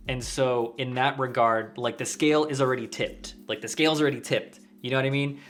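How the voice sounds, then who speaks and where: Earnest young dad, casual and animated. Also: male voice, medium pitch. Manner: earnest, gets animated and laughs telling stories. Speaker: new father, co-host. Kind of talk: casual chat.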